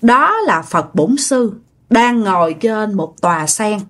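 Woman storyteller, chatty, animated narration. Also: mid-range voice, slow pace. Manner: chatty and animated, with repeated words and regional fillers. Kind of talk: spoken ghost and spiritual story narration.

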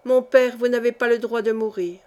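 A proud, imperious noblewoman, voiced by a woman reading a storybook, urgent and forceful, pressing her will with raised intensity. The voice is fairly high and firm. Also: fairly even intonation, normal speed, close to an everyday voice. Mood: urgent imploring. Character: fierce noblewoman, commanding and imploring.

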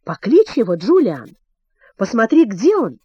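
A woman's voice: on the high side, sing-song, a little slow, warm tone, breathy edge, no room sound, lo-fi sound, exaggerated voice. Impatient tomboy girl, urgent, storybook, woman reader, dry close recording.

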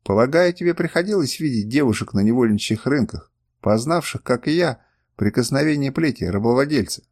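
A man's voice: mid-range voice, expressive, brisk, darkish tone, close to an everyday voice. A man reading an audiobook, voicing a proud, fiery young woman who turns defiant, pleading and spiteful. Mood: challenging.

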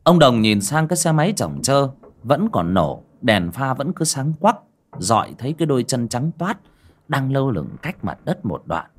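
A man narrates a ghost story in a lively, colloquial way. His voice sits at a middle pitch but swings widely up and down as he tells it. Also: moderate pace.

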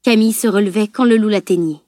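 A woman reading a novel aloud as audiobook narrator, in a measured, even storytelling voice. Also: medium pitch, dry recording, studio quality.

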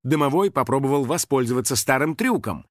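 A man narrating a children's story in a lively, expressive storytelling voice. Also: mid-range voice, fairly quick, dry recording, clean studio sound.

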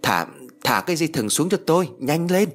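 A man's voice: fairly high pitch, sing-song, fairly quick, pitched above the performer's own voice. A man voicing a frightened middle-aged village man who stammers and pleads in an audio story. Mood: panicked.

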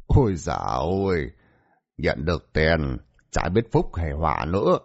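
A man's voice: a bass voice, wildly swooping pitch, measured pace, gravelly, dull audio, voice pushed down, full character voice. A man voicing a gloomy villager who murmurs ominous warnings. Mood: foreboding. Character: gloomy village gossip, foreboding.

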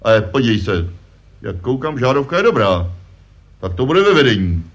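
Through lo-fi sound, a puppet performer with a mid-range, sing-song voice gives life to a know-it-all father puppet in a vintage comedy sketch. The pompous dad lectures his son with self-importance and a fondness for "že jo".

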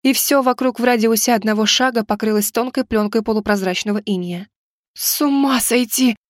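A woman's voice: medium pitch, fairly even intonation, a little fast, no room sound, studio quality. A woman expressively narrating a first-person audiobook story.

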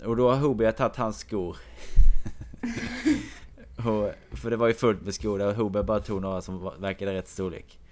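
A man with a somewhat low voice tells a long anecdote in casual conversation. He wanders from detail to detail as he goes. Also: fairly even intonation, a little mellow, slight background noise. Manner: long meandering anecdote told to a listener. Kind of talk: casual chat.

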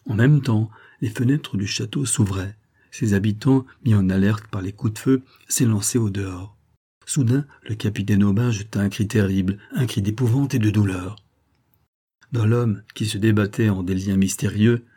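Man narrating a classic novel as an audiobook, dark, husky voice, steady and measured. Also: on the low side.

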